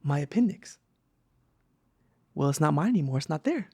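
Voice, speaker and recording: A man as a podcast guest, joking in a mock-solemn, deadpan way with pauses and repeats. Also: fairly high pitch, breathy edge, no room sound. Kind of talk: comic deadpan chat.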